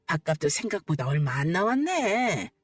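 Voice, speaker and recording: A woman voicing a domineering middle-aged mother-in-law who sneers and scolds slowly, in a radio story reading. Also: fairly low pitch, sing-song, dry recording, faint music behind, voice pushed down. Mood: scornful.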